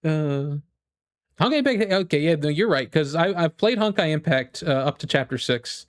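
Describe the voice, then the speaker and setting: A gaming streamer chats casually and reacts with viewers, rambling enthusiastically and thinking aloud with false starts. His voice is a little high and expressive at a moderate pace, in clean studio sound with no echo.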